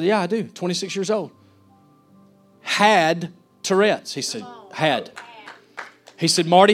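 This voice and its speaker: A man delivers a fervent sermon in a high-pitched voice, acting out each person he quotes. Soft music plays faintly behind him. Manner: fervent, preachy, acts out quotes. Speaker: pastor.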